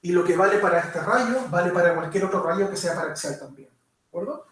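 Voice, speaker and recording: A man's voice: sits high, fairly quick, fairly bright tone, a little hiss or hum. A man giving a physics lecture, walking through steps and checking understanding with constant tag questions. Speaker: physics teacher. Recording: very echoey room, mic far off.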